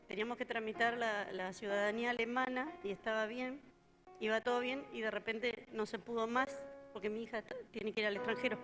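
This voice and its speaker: A woman's voice: fairly high pitch, fairly bright tone. An older woman with an Argentine accent giving a plain, hesitant testimony at a church service. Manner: plain, hesitant storytelling with fillers. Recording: faint music behind.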